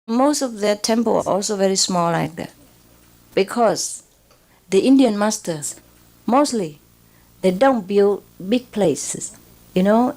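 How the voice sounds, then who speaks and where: With a mellow, medium-pitched voice, a Vietnamese-accented spiritual teacher meanders through an informal lecture. She regularly checks on her audience with "you know" or "huh?" and chuckles often along the way.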